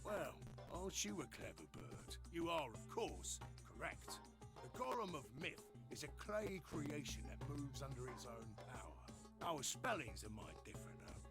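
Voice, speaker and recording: Cockney robot, game character, jovial, slangy, rough-edged, very lively pitch, game music behind. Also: male voice, normal speed. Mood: chatty. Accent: Cockney English. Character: chatty working-class male robot, cheeky and folksy. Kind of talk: video game voice acting.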